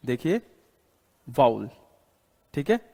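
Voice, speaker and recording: A man with an Indian accent gives an English lesson in Hindi in a classroom with a board, repeating rules and quizzing students as he writes. His mid-range voice is very animated, slow, creaky and warm, carried by a long hall reverb.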